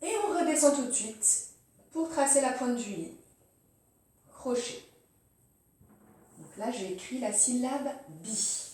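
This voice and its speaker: A woman teacher calmly talking through handwriting strokes one step at a time, as a lesson demonstration. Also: fairly high pitch, distant mic. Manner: calm, step-by-step, narrating each pen stroke. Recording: very roomy, voice off-mic.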